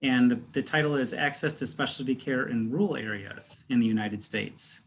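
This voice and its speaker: A man's voice: medium pitch, moderate pace, slight background noise. Encouraging male instructor on a video call. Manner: encouraging, hesitant with many fillers. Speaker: course instructor moderating student presentations. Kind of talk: online class discussion.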